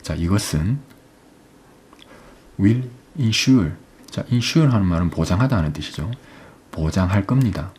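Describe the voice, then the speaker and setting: In a low-pitched, animated voice with a darkish tone, a man teaches English by breaking down an exam passage step by step. He often asks "right?" and reads English phrases slowly, and a little hiss or hum can be heard.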